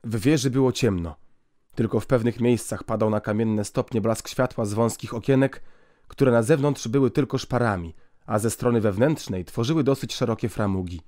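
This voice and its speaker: A man narrating an audiobook in a steady, clear storytelling voice. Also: mid-range voice, moderate pace, no room sound, clean studio sound.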